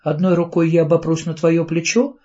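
A man's voice: on the high side, flat delivery, a little mellow, pitched above the performer's own voice, natural voice. A man voicing a flustered, prim woman who pleads in a hurry, in an audiobook on a dull lo-fi recording. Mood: pleading. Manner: hurried and pleading.

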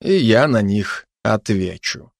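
A man's voice: fairly low pitch, animated, slow pace, vocal fry, dry recording, exaggerated voice. A man voicing a wry, grumbling male constable who bickers sarcastically with a cat in an audiobook. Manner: dry, sardonic, chatty banter with a cat.

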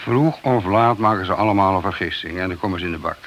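Deep-voiced and a bit bright, a man talks quickly while admonishing someone plainly in the role of a long-serving, principled police detective. He's a radio drama actor, heard through the hiss and noise of an old radio recording.

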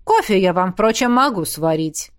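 A woman's voice: medium pitch, expressive, normal speed, smooth, close to an everyday voice. A woman doing a prim, drawling school secretary. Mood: sweetly. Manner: drawling, precise and commanding.

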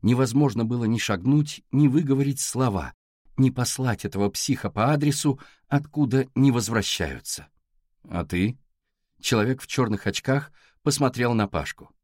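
A man narrating a novel aloud in a scripted, expressive reading. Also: mid-range voice, moderate pace, no room sound, clean studio sound. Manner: expressive reading with acted dialogue. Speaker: audiobook narrator.

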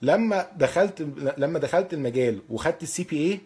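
Male Egyptian instructor, rapid and rough-edged voice, frank informal advice delivery. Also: on the high side, expressive, a little mellow. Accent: Egyptian Arabic. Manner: blunt, colloquial, repeats points for emphasis. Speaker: accounting certification instructor. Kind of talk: informal advice talk to learners.

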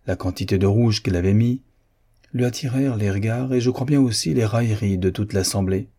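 A man narrating a classic novel in a calm, measured reading. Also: on the low side, slightly rough. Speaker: audiobook reader. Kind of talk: scripted narration.

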